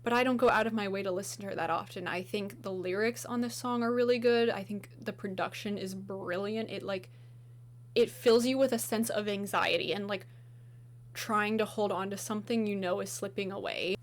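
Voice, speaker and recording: A woman chatting casually as she ranks songs, gushing and enthusiastic, with lots of filler words and a slightly hoarse voice. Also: mid-range voice, fairly even intonation, normal speed. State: slightly hoarse, losing her voice. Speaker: video host. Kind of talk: casual music ranking chat.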